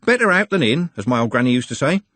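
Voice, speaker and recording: A man's voice: medium pitch, very animated, fast, a bit bright, no echo, voice pushed up. A man voicing a cheerful, robust young man who talks eagerly and breezily.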